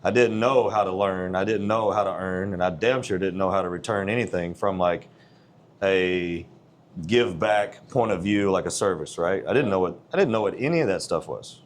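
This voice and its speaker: Blunt, low-voiced man in his forties. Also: normal speed. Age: 40s. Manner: blunt, earnest, plain-spoken. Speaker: gym owner. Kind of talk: casual interview conversation.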